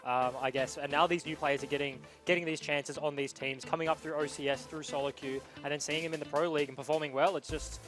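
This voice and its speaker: A man's voice: on the high side, steady tone, fast talker, few pauses, over music. A man giving casual esports commentary and analysis as a caster, informal and chatty in his delivery.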